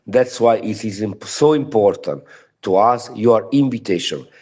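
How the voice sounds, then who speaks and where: A man's voice: fairly low pitch, expressive, measured pace, a little mellow. A man from Italy with an Italian accent, a native Italian speaker, giving a prepared trade union statement in broken English. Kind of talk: prepared political solidarity statement.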